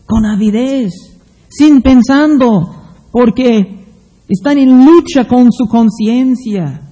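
Male preacher, very high mellow voice, slow measured sermon with scripture reading, long hall reverb. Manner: slow, deliberate preaching, reads Bible passages aloud.

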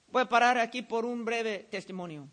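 A middle-aged man preaching a sermon, reading Bible verses slowly and telling a lively story from his week. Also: extremely high pitch. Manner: lively storytelling, says he was shouting. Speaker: pastor.

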